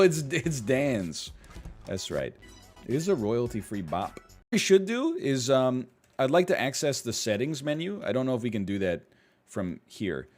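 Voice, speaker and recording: Animated man riffing over a game. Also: medium pitch. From Canada. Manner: animated, goofy, rambling with playful exclamations. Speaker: gaming streamer. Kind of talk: casual let's-play commentary.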